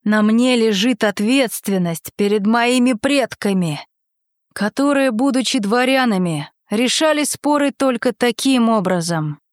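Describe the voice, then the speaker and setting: A woman's voice: medium pitch, animated, measured pace, dry recording, clean studio sound, pitched below the performer's own voice, lightly acted. A woman doing a stern, solemn young nobleman. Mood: grave. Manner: grave, formal, insistent. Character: stern proud young nobleman set on a duel.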